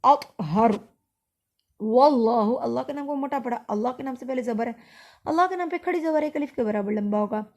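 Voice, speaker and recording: A woman teaching tajweed. She explains each word patiently, repeats corrections, and recites in slow, drawn-out phrases. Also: high-pitched, a little mellow.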